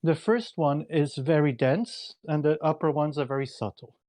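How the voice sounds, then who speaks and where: A man on an online call, explaining ideas in a measured, lecturing way. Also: on the high side, steady tone, dark tone, no echo. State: out of breath. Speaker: community member. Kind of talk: explanatory discussion. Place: remote call.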